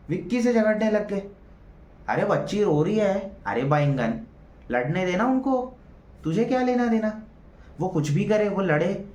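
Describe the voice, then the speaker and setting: A young man giving casual, opinionated commentary as a reality show reviewer, often saying "theek hai" as he goes. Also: mid-range voice. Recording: roomy with faint ambience.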